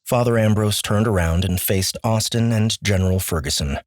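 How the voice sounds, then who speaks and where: A man reading an audiobook in a measured, steady manner. His voice sits low and deep, recorded close and dry with no room sound. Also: dry recording. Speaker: audiobook narrator. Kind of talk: scripted narration.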